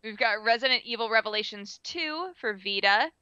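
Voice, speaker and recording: A woman's voice: a little high, lively intonation, normal speed, sharp tone. Tinny metallic-sounding woman co-host. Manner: wry, reads game releases in a list. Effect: tinny, metallic sound like talking from a tin can. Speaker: podcast co-host reading the release list. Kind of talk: casual chat. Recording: tinny dull lo-fi dry mic.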